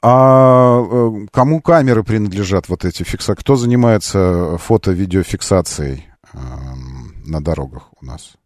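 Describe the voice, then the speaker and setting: A man with a fairly low voice talks as a radio host. He chats casually with callers, drawing out phrases as he thinks. The sound is dry and close, like a studio. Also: measured pace, few pauses, dry recording. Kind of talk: casual live talk with callers.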